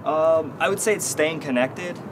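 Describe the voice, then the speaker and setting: A man's voice: a little high, moderate pace. A man in his thirties, a guest consultant, explaining his work in an outdoor interview with many fillers and restarts. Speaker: consulting team lead, guest. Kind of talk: corporate interview. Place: outdoor stone bench in an urban courtyard. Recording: outdoor city noise behind.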